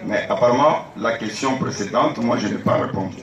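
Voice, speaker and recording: A man from the Democratic Republic of the Congo, a candidate for party president, argues his debate answers on an outdoor tent stage in a mid-range voice, a little fast. He poses rhetorical questions and repeats key points. An audience member's phone captured it, so it sounds muffled, echoey and distant, with a crowd behind.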